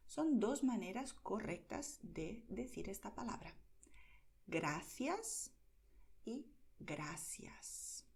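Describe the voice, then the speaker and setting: A woman from Spain with a Madrid accent gives a slow, careful Spanish pronunciation lesson, demonstrating words, often in a soft whisper, and constantly asking "¿vale?". Her mid-range voice has big pitch swings and vocal fry, and she speaks extremely slowly.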